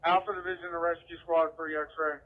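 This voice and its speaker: A forceful, bright-voiced man comes over a two-way radio with urgent firefighter traffic. He is slightly high in pitch and gives clipped, direct orders. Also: little pitch movement, fairly quick, low-quality recording.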